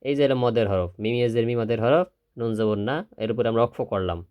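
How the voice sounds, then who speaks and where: A man teaching Quran recitation step by step, who drills slowly, repeats syllables, and asks and answers his own questions. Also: mid-range voice, darkish tone, clear, resonant tone. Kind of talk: step-by-step spelling lesson.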